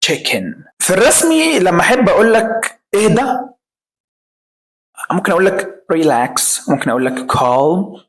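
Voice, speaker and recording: A man's voice: high-pitched, very animated, fairly bright tone. A man with an Egyptian Arabic accent teaching English, repeating each word several times for practice. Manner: repeats words slowly for drilling. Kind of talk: spoken language lesson.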